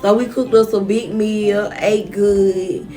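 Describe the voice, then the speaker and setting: A woman's voice: mid-range voice, flat delivery, slow pace, warm tone, soft background music. A young woman vlogger telling a personal story straight to her viewers, frank and often profane.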